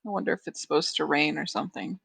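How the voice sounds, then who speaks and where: A woman's voice: deep voice, vocal fry, a bit bright, husky, no room sound. A woman chatting casually on a stream, telling playful stories and joking along. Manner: playful storyteller, quick to joke. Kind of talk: casual chat.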